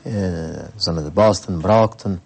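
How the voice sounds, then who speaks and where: A man in his forties from Cape Verde, a priest speaking in a radio interview. His voice sits low and sounds mellow and relaxed. He talks unhurriedly and often pauses and restarts his phrases. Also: vocal fry, breathy edge. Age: 40s. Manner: unhurried, frequent hesitations and restarts. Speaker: priest, bishop-elect.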